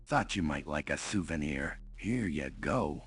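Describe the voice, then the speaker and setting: Deep-voiced, dry-witted space engineer. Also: male voice, animated, a little slow, breathy edge, full character voice. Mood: dry, friendly. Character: dry-witted, good-natured male starship engineer. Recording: synth music behind the voice.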